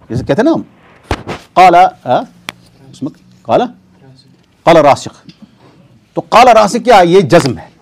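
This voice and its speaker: A man teaching a weekly class in a mosque, asking his students rhetorical questions and answering them himself. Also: medium pitch. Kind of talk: classroom lecture on hadith terminology.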